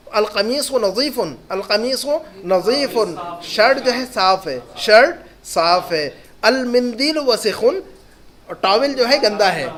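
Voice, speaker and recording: High-voiced man teaching Arabic slowly. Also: fairly bright tone. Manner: slow, drawn-out reading of each word, then quick explanations with checking questions. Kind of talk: classroom lesson, reading and translating words.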